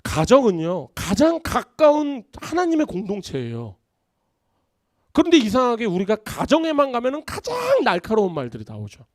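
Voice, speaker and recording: A man, a pastor, preaching a sermon in an animated, conversational way in a church. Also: very high voice, moderate pace, dry recording, clean studio sound. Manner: animated, conversational preaching with acted-out family quotes. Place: church sanctuary.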